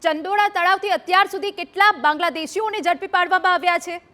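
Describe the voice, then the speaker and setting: A woman anchoring a news broadcast, handing over to reporters with brisk, crisp questions. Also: very high-pitched, pushed and bright.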